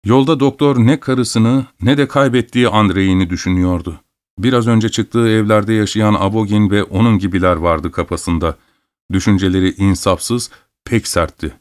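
Man, fairly low voice, audiobook narration, grave and measured, deliberate pauses. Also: darkish tone. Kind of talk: scripted literary narration.

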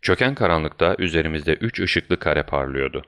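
A man reading a story aloud as narrator, with steady storytelling. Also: rumbling low, normal speed, smooth, dry recording, studio quality. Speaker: audiobook narrator. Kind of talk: scripted narration.

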